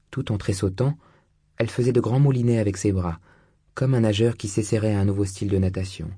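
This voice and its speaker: A man narrating a literary story in an audiobook, in a measured, even delivery. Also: lowish voice, husky, dry recording, clean studio sound.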